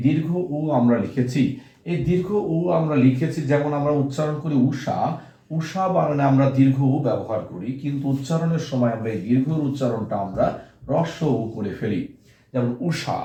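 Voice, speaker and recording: Guy teaching a class, warm low-key voice, says each example word over and over. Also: echoey room. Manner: explains slowly, repeats example words aloud. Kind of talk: classroom lesson on pronunciation.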